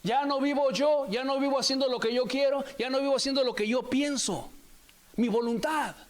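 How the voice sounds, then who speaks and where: A man with a very high-pitched voice delivers a sermon. He preaches with emphasis, repeating phrases and stretching the important words out slowly for weight.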